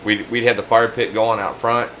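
A man's voice: medium pitch, level tone, normal speed, bright, forceful tone, a little hiss or hum, rough recording. A middle-aged man hosting casual chat over drinks in his saloon, telling profane, laid-back stories. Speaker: bar owner and host.

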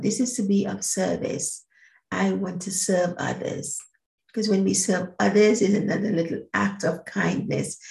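Earnest woman podcaster with a gravelly edge. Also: medium pitch, warm tone, echoey room. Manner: earnest, encouraging, repetitive phrasing. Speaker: podcast host and life coach. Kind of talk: solo podcast monologue.

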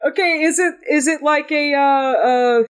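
A woman's voice: high voice, measured pace, pitched above the performer's own voice. Woman playing a frantic, panicky wizard. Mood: panicked. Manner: frantic, stammering, breathless.

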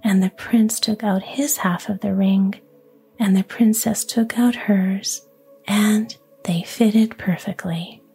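A woman whispering a fairy tale in a slow, hushed, even storytelling manner, ASMR style. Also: mid-range voice, faint music behind. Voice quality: breathy whisper.

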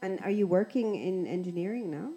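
A woman's voice: fairly low pitch, lively intonation, brisk, warm tone, husky. A woman hosting a conversational podcast interview, talking like an English tutor.

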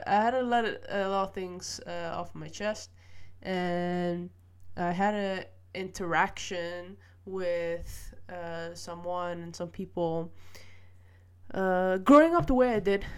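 A young woman from Malaysia talks to camera in a casual personal vlog. She is reflective and hesitant, often pausing on fillers and letting out small laughs. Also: mid-range voice, clean tone. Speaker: student vlogger.

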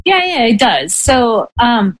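A woman's voice: a little high, sing-song, takes it slowly, poor audio. Woman professor explaining with light laughs. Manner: explanatory, frequent soft laughs and "right?" tags. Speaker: professor, guest. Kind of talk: conversational interview.

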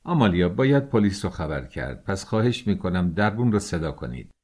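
A man voicing a cold, self-assured gentleman who accuses and lectures in a calm, measured way. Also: sits low.

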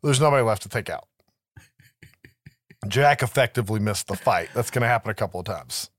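A podcast host with a lowish, lively voice recaps a movie fairly quickly in casual, profane chatter. He's laid-back and keeps tossing in "right?" to check in. His voice is close on a dry mic with no room sound.

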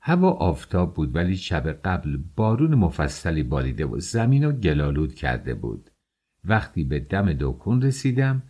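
A man narrating an audiobook in an expressive storytelling manner. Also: low-pitched, breathy edge.

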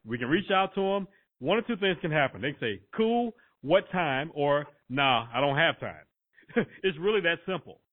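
A man co-hosting a podcast, talking in an animated, casual way, swearing freely and leaning on "you know". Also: on the high side, normal speed. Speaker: podcast co-host. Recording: narrow phone-like audio.

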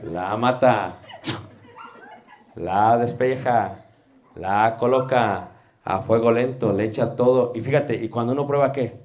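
Mexican man, preaching instructor, lively lecture style, peppers in rhetorical questions. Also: medium pitch, slow pace, pauses often. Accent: Mexican Spanish. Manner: animated, asks rhetorical questions, homely cooking comparisons.

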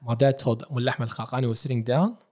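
Here a young man born in Iraq, a reciter of religious material, chats casually on a podcast about his life, weaving Arabic phrases throughout. His voice sits in the mid range, and his delivery races along.

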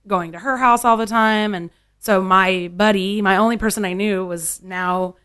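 Speaking at a normal pace with a steady, medium-pitched voice that is clear, resonant and a bit bright, a Californian bartender of thirty-eight is a guest in a casual interview. She chats loosely and fills her sentences with "like" and "um".

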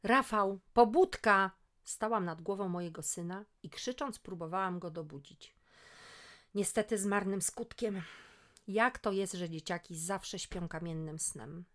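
A woman reading a story aloud in a lively, expressive way as a storyteller. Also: fairly low pitch, measured pace.

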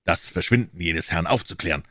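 Man reading calm sarcastic detective, deep voice, measured, dry close sound. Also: no echo, full character voice. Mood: cool, ironic. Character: calm, dryly ironic male detective.

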